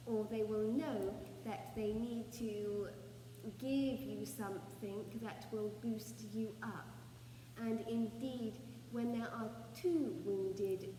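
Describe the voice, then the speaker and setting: A woman channels spirit messages like a seance medium in a fairly high, soft-edged, mellow voice. Her phrasing is formal and ceremonial, with deliberate pauses, and she sounds distant in a reverberant room. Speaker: trance channeller, spirit medium leading a session. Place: echoey room, away from the microphone. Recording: roomy, reverberant, distant mic, faint noise.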